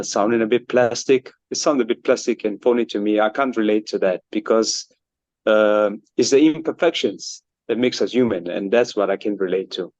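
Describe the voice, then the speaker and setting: A man's voice: fairly low pitch, darkish tone, dry recording, muffled recording. A man from Botswana, a band member being interviewed, speaking earnestly with many fillers. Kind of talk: casual interview answers.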